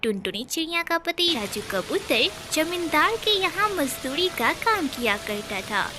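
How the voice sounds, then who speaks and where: A woman narrating a cartoon story in a measured storytelling manner. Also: high voice, big pitch swings, noisy background.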